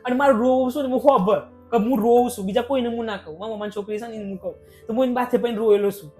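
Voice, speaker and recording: Young male guest, rapid-fire and emotional, faint music under the voice. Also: very high-pitched. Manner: emotional, animated, talks in rushed bursts. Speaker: podcast guest, vlogger. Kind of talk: casual podcast conversation.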